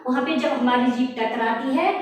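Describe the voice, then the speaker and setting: A woman's voice: high voice, moderate pace. A woman teacher giving a lesson to young children, asking questions and answering them herself as she repeats the key terms. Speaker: school teacher. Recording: very echoey room, distant mic.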